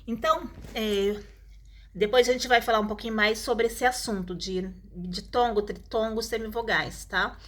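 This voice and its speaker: A woman's voice: on the high side, steady tone, normal speed. A woman teaching a lesson in a casual, explanatory way, stretching out example words and adding tag questions.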